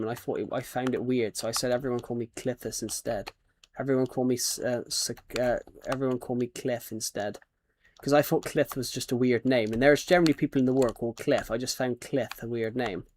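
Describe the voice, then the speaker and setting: A British man casually chats and rambles during a game livestream, reading viewer comments and names out loud. His voice is mid-range, and a little hiss or hum runs under the recording.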